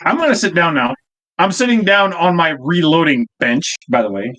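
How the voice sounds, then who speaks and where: A man's voice: a little high, expressive, normal speed, sharp tone. A man hosting a casual live stream from his home workshop, brash and swearing freely. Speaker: stream host. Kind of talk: casual chat.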